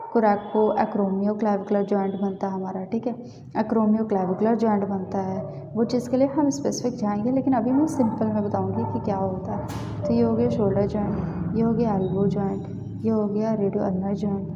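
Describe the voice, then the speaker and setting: A woman's voice: a little high, mellow. A woman teaching anatomy in a casual lesson, walking through diagrams and often checking that listeners follow. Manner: repeats "theek hai" often, checks understanding. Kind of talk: informal lesson explaining diagrams. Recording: roomy, long reverb, dull, faint hiss.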